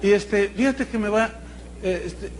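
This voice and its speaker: A man with a Mexican accent preaching a sermon, telling a story with lively asides to the congregation. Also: high voice, unhurried, slight background noise.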